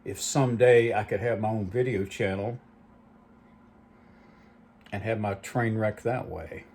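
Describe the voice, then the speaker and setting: A man's voice: on the low side, steady tone, measured pace, darkish tone, slight background noise. A man hosting his own channel, telling rambling, nostalgic stories with lots of asides. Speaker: channel host. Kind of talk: rambling reminiscing monologue.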